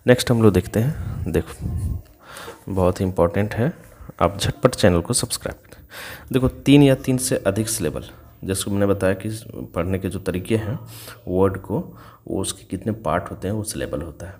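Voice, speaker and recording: Male tutor, low voice, patient and repetitive, spells words letter by letter. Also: moderate pace, darkish tone. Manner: patient, repetitive step-by-step explaining. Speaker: English teacher. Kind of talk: explaining grammar rules in Hindi.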